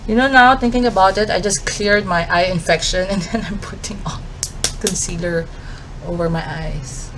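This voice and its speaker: At a medium pitch and moderate pace, with a fairly bright tone, this woman in her thirties chats her way through doing her makeup, her Filipino accent clear and her speech sprinkled with "um" and "like." She's a beauty vlogger filming a relaxed get-ready-with-me video, and the rough recording carries slight background noise.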